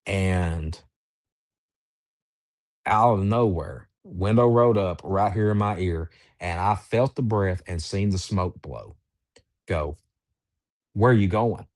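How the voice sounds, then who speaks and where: A very deep-voiced man recounts an eerie encounter in a slow, halting way, often restarting his sentences. The sound is close and dry, with no room around it. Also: a little mellow, dry recording. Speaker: guest, Bigfoot researcher. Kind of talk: storytelling in an interview.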